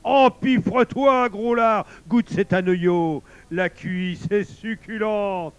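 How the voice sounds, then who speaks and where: Storybook villain: a sly, greedy wolf, rough and jeering, loud and raised; a man acts him out. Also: high voice, slow, dry recording, pitched above the performer's own voice. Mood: boisterous, mocking. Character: sly boastful male werewolf, hungry and mocking. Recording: dull lo-fi recording.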